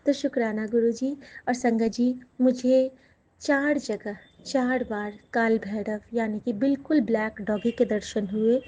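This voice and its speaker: A woman's voice: on the high side, steady tone, unhurried, dark tone. A woman sharing devotional experiences with her listeners in a chatty way, with thankful asides and frequent laughter. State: out of breath. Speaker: satsang storyteller. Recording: dull lo-fi recording.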